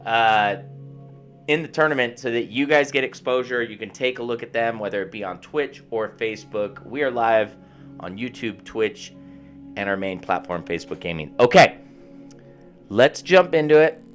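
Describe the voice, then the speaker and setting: A man hosting a live gaming stream in casual chat, giving upbeat shout-outs to viewers. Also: medium pitch, moderate pace, soft background music.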